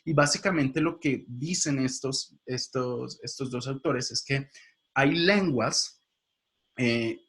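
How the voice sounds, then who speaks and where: A male teacher gives a video lecture in a voice of middling pitch. He explains each point step by step and turns to his viewers with quick questions. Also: a bit bright. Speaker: linguistics teacher.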